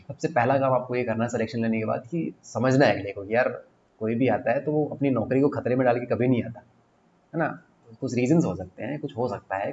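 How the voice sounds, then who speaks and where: A man's voice: medium pitch, darkish tone. A young man, an exam coaching teacher, talking casually in an online class, telling stories and repeating himself as he explains. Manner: chatty storytelling, mixing English phrases, repeats himself. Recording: slightly dull audio with faint noise.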